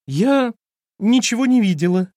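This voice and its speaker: A man's voice: sing-song, moderate pace, dry recording, studio quality. A man voicing a nervous young pregnant woman who keeps crying out in desperation in an audiobook. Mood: evasive. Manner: shrill, cries out in desperation.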